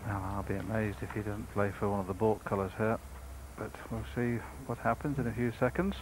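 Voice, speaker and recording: A man's voice: on the low side, steady tone, fairly quick. A man commentating live on snooker, talking through the play in an analytical, conversational way. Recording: noisy broadcast background.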